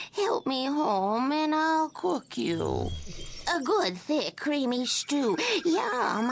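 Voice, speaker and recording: A woman voicing a sinister, wheedling old crone in a video game, with a creaky, hissing voice, slipping up and correcting herself. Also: mid-range voice, heavily acted. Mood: greedy delight. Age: older. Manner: wheedling, slips and corrects herself, repeats phrases. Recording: game audio with faint ambient noise.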